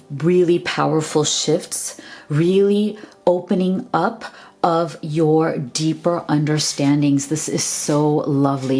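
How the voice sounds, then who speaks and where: A woman's voice: low-pitched, darkish tone. A middle-aged woman giving a tarot reading, gushing and affirming, often tagging her sentences with "right?". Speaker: tarot reader.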